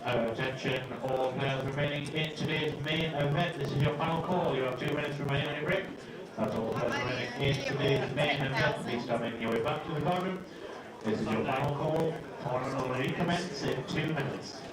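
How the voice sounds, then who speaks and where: A man's voice: mid-range voice, a little fast, long pauses. A man's voice comes over a PA system in a big tournament hall, reading formal notices and repeating each one. It sounds distant and heavily echoey, with a crowd chattering all around. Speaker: tournament announcer. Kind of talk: public address announcements. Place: large indoor tournament hall.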